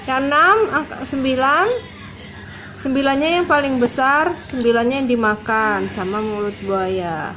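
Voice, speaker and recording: A woman with a fairly high voice gives an informal lesson to a young child, as a mother would. She over-enunciates, drawing words out to instruct. The recording has clear background noise. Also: steady tone, measured pace. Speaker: mother teaching her child. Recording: clearly noisy home recording.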